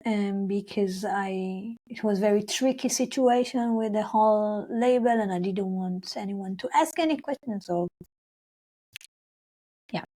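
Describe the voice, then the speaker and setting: On a low-quality recording, a young woman speaks at medium pitch, a little slowly, in a mellow tone. She is a Hebrew-speaking singer from Israel-Palestine describing her experiences in English for an interview. Rambling and full of fillers and restarts, she acts out lines she once said.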